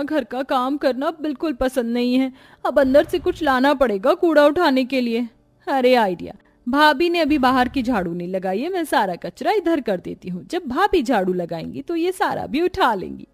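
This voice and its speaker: A woman voicing a bratty, lazy young sister-in-law. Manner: bratty and cheeky, high and sing-song. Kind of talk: cartoon voice acting.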